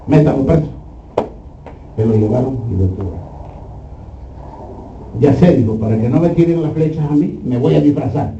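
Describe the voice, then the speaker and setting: A man preaches to his congregation, firing questions at them and acting out the lines he quotes. His voice is high and mellow. It comes from a distance in a roomy church, on a dull, muffled recording. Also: a little hiss or hum. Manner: acts out quoted lines, shouting at peaks. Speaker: pastor. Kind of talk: sermon.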